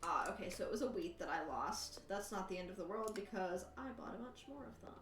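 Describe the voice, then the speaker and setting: A woman with a mid-pitched voice gives casual live commentary on her game. She thinks aloud and addresses viewers with understated, dry wit. The sound is roomy and a little distant from the mic. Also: expressive, brisk. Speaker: livestreamer hosting a charity gaming stream. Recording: roomy echo, off-mic, faint background noise.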